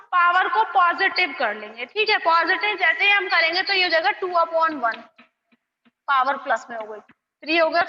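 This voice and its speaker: A woman maths teacher working through exponent problems step by step, with a habit of checking in often. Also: very high voice. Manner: slow, checks in with "theek hai" often. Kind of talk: classroom lesson, working through problems aloud. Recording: roomy, dull lo-fi classroom echo.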